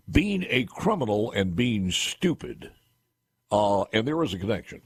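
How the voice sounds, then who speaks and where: Folksy radio host, husky voice. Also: male voice, mid-range voice, no echo. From Mississippi. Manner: folksy storyteller, wry. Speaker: radio talk show host. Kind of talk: casual radio talk and interview. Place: radio studio. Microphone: studio boom mic with headphones.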